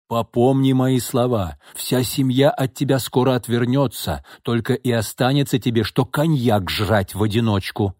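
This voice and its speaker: A man's voice: medium pitch, normal speed, few pauses, darkish tone, no echo, clean studio sound, pitched above the performer's own voice, close to an everyday voice. A man voicing an old female housekeeper who scolds in blunt, coarse, folksy speech. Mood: scolding.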